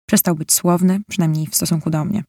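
A woman's voice: fairly low pitch, steady tone, brisk, gravelly, dark tone, dry recording, studio quality. A young woman narrating a novel in the first person, in an emotional, bitter way. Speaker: audiobook narrator.

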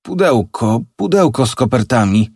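A man's voice: mid-range voice, expressive, normal speed, gravelly, a little mellow, breathy edge, no room sound, studio quality. A man voicing a middle-aged professor and father, agitated, emphatic and stubborn, in an audiobook. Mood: distraught.

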